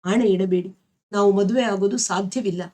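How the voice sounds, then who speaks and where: A woman reading aloud the lines of a shy, tender young woman in love, in a soft, hesitant way. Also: medium pitch, steady tone, moderate pace, lightly acted.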